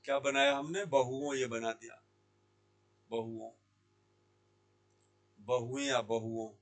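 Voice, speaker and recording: A man teaching Hindi grammar in a classroom lesson. He asks questions and answers them himself, repeating key words slowly. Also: mid-range voice, fairly even intonation. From India. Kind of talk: classroom lesson explaining sandhi. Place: Jaipur language institute.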